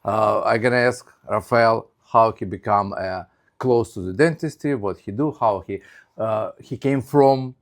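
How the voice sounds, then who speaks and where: A man's voice: on the low side, measured pace. A man with a Ukrainian accent hosting a podcast in a casual interview style. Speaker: podcast host.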